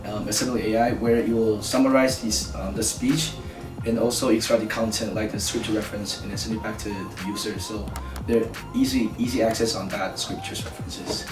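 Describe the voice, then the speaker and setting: A man's voice: fairly low pitch, steady tone, a little fast. A young man from Taiwan, a student, describing his team's project in a hesitant casual interview with many fillers. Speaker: student team member. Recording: roomy, mic a bit far, music over.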